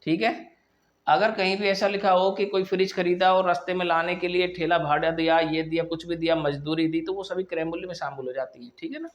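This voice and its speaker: In this classroom lesson, a man teaching maths walks through each problem methodically, pausing often to confirm the class is following along. He speaks in a high-pitched, steady tone.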